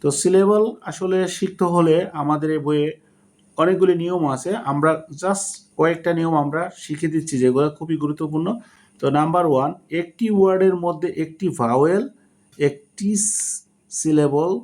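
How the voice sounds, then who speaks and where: A man giving a spoken English lesson, explaining slowly and breaking words into syllables. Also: on the high side, darkish tone. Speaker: English teacher.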